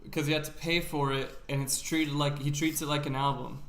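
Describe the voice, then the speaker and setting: A man's voice: a little high, little pitch movement, brisk, fairly bright tone. A young man co-hosting a casual podcast chat, blunt and opinionated, arguing his points. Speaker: podcast co-host. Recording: echoey room.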